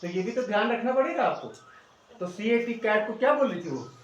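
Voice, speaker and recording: Coaxing teacher in an echoey classroom. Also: male voice, high-pitched, lively intonation, a little fast, lo-fi sound. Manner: coaxing, keeps asking "है ना?". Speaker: schoolteacher. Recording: echoey room, distant mic, faint noise.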